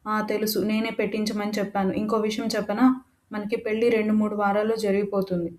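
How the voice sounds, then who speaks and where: Brief: woman doing a brash young man who teases his bride-to-be, mellow and unhurried. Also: mid-range voice, level tone, natural voice. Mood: teasing. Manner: teasing, boastful.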